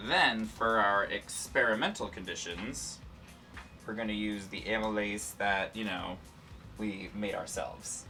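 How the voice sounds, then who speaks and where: A man's voice: lowish voice, unhurried, sharp tone, far from the mic, soft background music. A man hosting a playful, casual science lesson and talking through an experiment. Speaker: science show host and demonstrator.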